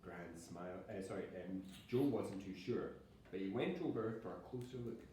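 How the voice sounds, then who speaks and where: A man teaches a primary school class in a low, warm, animated voice at a moderate pace. He explains words simply and patiently, reads short examples aloud and encourages the pupils. The classroom is echoey, with a distant mic and faint noise.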